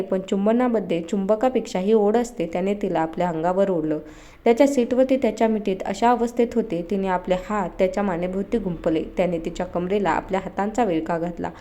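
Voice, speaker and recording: A woman reading a romantic story aloud in an expressive, dramatic storytelling manner. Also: medium pitch. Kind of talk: scripted story narration.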